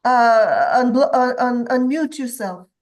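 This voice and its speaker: Woman moderating a panel, a bit high, brisk, calls on people.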